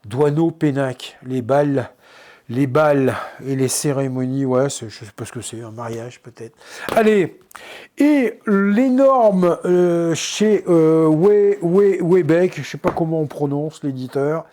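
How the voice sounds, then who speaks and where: A photographer presenting his photo books in a casual show-and-tell, hesitant, with many fillers and restarts, often trailing off softly. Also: medium pitch, unhurried. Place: indoors at his book shelves.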